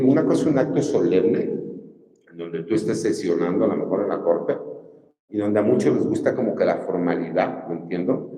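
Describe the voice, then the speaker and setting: A man's voice: on the low side, mellow. A Mexican man giving an emphatic campaign speech as a judicial candidate, often putting rhetorical questions to his listeners. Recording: distant mic in a reverberant hall.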